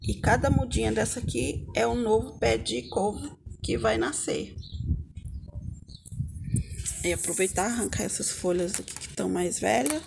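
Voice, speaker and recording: A woman's voice: on the high side, measured pace, gravelly, pauses often, noisy background. A Brazilian woman giving a casual, homely hands-on gardening tutorial, chatting informally to viewers as the host. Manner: addresses viewers as little friends, homely and informal. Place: outdoor home yard with potted plants.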